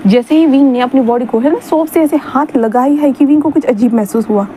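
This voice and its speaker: A woman's voice: high-pitched, brisk, warm tone. A woman retelling a fan fiction story in a chatty, casual way, repeating filler words. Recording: dull lo-fi sound, faint hum.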